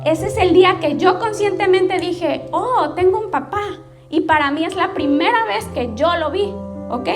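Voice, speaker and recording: Mexican woman pastor, high voice, personal testimony over music, chatty storyteller. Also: normal speed. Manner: storytelling, addresses the audience directly with frequent "¿ok?".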